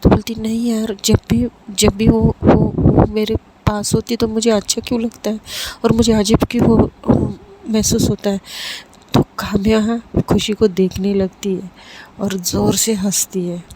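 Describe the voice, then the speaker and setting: A woman's voice: medium pitch, measured pace. A woman casually telling a serialized love story, lightly voicing the characters in her own voice, with frequent fillers and restarts. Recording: steady background noise.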